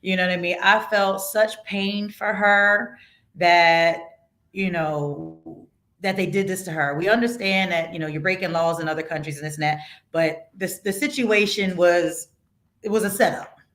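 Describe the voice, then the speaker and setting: A woman's voice: fairly low pitch, normal speed, a bit bright. A woman hosting a podcast conversation, talking casually and emphatically, swearing freely as she shares strong opinions. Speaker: podcast host.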